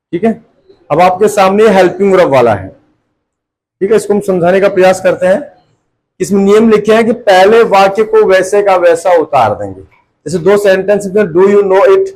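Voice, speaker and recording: A man with a high, bright-pitched voice lectures a classroom of students. He repeats each point and keeps checking with rhetorical questions whether the class follows. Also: rough recording. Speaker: tuition teacher.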